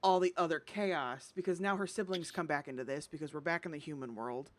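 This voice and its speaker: Woman co-host, casual book-club chat, wry and relaxed, thinks out loud about how far she's read. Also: deep voice, brisk. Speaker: podcast co-host.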